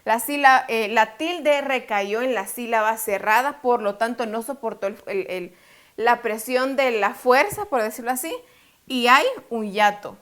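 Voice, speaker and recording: A woman teacher giving a recorded online grammar lesson, explaining step by step, asking questions and answering them herself, and slowing down to stress syllables. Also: on the high side, fairly bright tone. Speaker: Spanish teacher.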